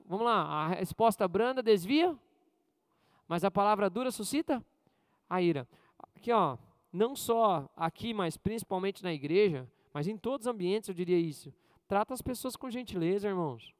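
Pastor preaching. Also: male voice, smooth, no echo. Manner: swings between loud high bursts and quiet low asides. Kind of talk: sermon.

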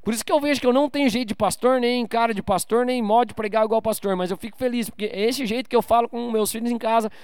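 In a clean studio recording with no echo, a male pastor speaks in a very high, steady, clear and resonant voice. He talks fast with few pauses, delivering an informal sermon at church, cracking jokes with the crowd and asking for amens.

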